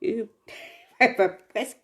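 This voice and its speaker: A woman chatting and rambling through a casual live makeup demo, laughing often and greeting viewers by name, filmed on a phone at home. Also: slow. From Saint-Étienne area, France. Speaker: direct seller presenting makeup products. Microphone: phone camera in front of her.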